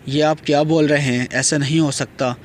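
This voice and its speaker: A man's voice: fairly high pitch, fairly even intonation, a little hiss or hum, lightly acted. A man voicing an anxious young wife in an audio novel, speaking in a worried, pleading way. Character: anxious young bride waiting for husband.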